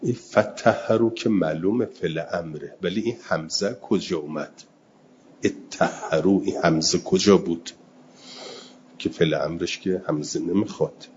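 A man teaching a religious lesson, reading Arabic text slowly and then explaining it quickly in colloquial Persian. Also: low-pitched, darkish tone, muffled recording, slight background noise. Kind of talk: seminary lesson explaining Quranic grammar.

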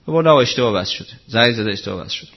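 A man's voice: medium pitch, expressive. A middle-aged male cleric giving a conversational religious talk, repeating himself and asking rhetorical questions. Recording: muffled lo-fi recording.

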